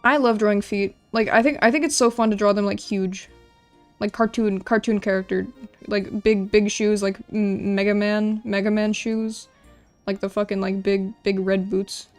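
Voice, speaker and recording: Drawing game characters on a livestream, this woman talks casually at a moderate pace with a steady tone and medium pitch. She thinks aloud in a rambling way, often repeating words, and reads out and replies to chat, with faint music playing behind her.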